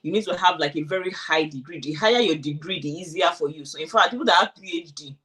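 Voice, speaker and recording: A woman being interviewed tells her immigration story in a casual, animated way, acting out the things she thought and said. She talks fast in a fairly low voice and sits far from the mic.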